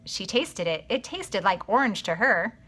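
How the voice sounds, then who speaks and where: A woman, a teacher, reading a children's book aloud in an expressive, animated way. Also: mid-range voice, unhurried, slightly rough.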